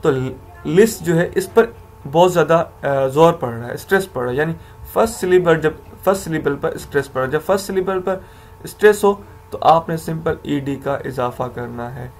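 A man with a slightly higher voice teaches grammar rules, going over each example patiently and repeating it. He stops to correct himself now and then. A faint hiss of background noise sits under the recording. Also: normal speed. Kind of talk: explaining grammar to learners in Hindi-English mix.

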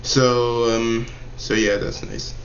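A reaction video host giving live commentary, excitable with bursts of laughter and shouted reactions. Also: mid-range voice, slow pace, echoey room, lo-fi sound, very noisy. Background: loud cartoon soundtrack.

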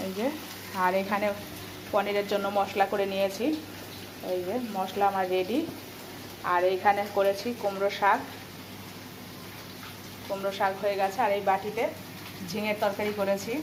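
A woman's voice: medium pitch, little pitch movement, normal speed, pauses often, noisy background. A middle-aged housewife chatting through her home cooking step by step in a casual vlog, recorded in her kitchen. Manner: chatty, explains each step. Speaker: housewife vlogger.

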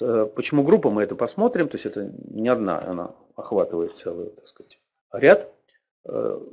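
Husky older man lecturing with lively pitch. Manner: digressive, frequent filler particles and tag questions. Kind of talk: academic lecture.

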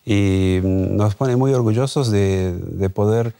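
A man in his fifties, born in Argentina, answering interview questions on a TV studio set with a lapel mic, measured and hesitant with fillers. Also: lowish voice, gravelly, dark tone. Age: 50s. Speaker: wine importer guest.

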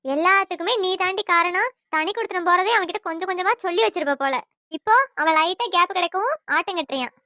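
A taunting, nagging cartoon mother-in-law, put on by a woman, pitched very high and bright. She scolds without pause, every line a jab. The sound is dry and close. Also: dry recording. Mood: furious. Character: scolding middle-aged mother-in-law, sharp-tongued. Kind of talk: cartoon voice acting.

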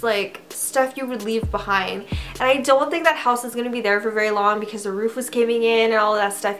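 A young adult Canadian vlogger talks straight to camera from her bedroom, her voice a little high, her story packed with "like" and "I don't know" in a chatty way. Soft music plays faintly in the background.

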